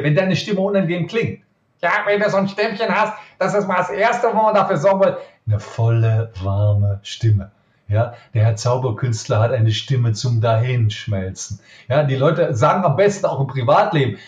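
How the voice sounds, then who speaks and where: A middle-aged magician from Cologne with a Cologne accent, answering interview questions emphatically and tagging points with quick questions. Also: male voice, fairly high pitch. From Cologne, Germany. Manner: emphatic, lively, frequent "ja?" tag questions. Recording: roomy, dull lo-fi sound.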